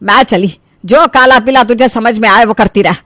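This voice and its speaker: A woman's voice: fairly high pitch, normal speed, a bit bright, no room sound, studio quality, lightly acted. A woman doing a nagging mother-in-law. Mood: scolding. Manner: nagging, sarcastic. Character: scolding middle-aged mother-in-law, exasperated.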